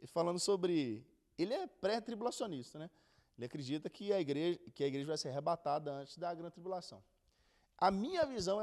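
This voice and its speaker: A man giving a casual, chatty Bible lesson, acting out quotes. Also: high voice. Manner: chatty and animated, acts out quotes with laughter. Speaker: Bible teacher.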